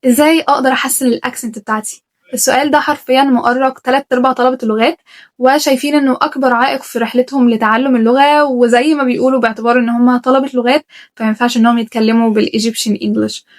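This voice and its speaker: A woman's voice: a little high, fairly even intonation, racing. A woman with an Egyptian Arabic accent, talking to her channel about learning languages in a blunt, emphatic way, full of rhetorical questions. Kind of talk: opinionated vlog talk to camera.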